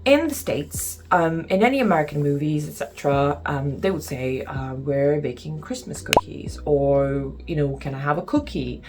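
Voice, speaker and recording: In her casual talking-head home vlog, a young woman from Lithuania speaks to camera with a Lithuanian accent, full of ums and exasperated side comments. Her low, darkish voice is expressive and runs at normal speed with hardly any pauses.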